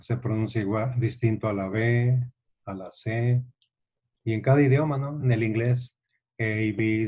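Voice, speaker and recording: Slow-spoken Mexican teacher, lo-fi. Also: male voice, medium pitch. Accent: Mexican, Guanajuato. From Guanajuato, Mexico. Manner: patient, explanatory, with rhetorical questions to students. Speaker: literature teacher. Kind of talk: classroom lecture. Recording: dull lo-fi recording.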